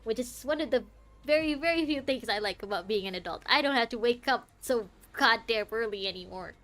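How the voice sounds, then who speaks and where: A young woman streaming a game, chatting to viewers with lots of laughter and excited reactions. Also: a little high, fairly quick. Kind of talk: live gameplay commentary.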